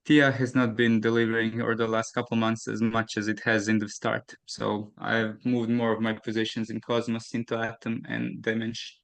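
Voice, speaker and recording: A man's voice: on the low side, completely flat delivery, moderate pace, gravelly, hardly any pauses, fairly bright tone. A man on a casual group video call, giving brief, matter-of-fact answers. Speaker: community member on call.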